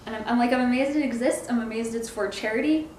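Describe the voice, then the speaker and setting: A comic book reviewer speaks at a quick pace in a darkish, fairly high voice, giving a casual review. She hesitates, hunts for words, and corrects herself as she goes, with an echoey room and faint background noise around her.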